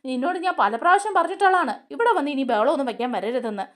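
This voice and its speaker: A woman's voice: high-pitched, sing-song, very fast, a bit bright. A woman voicing a stern grown man who scolds and questions a younger relative.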